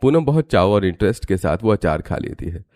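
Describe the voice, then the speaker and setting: A man narrating an animated cartoon story in a steady storytelling manner. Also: deep voice, fairly quick.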